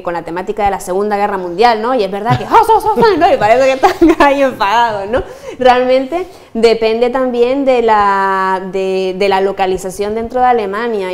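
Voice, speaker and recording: A woman's voice: medium pitch, darkish tone. A young adult woman teacher, explaining her views in an interview and laughing often. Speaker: German teacher.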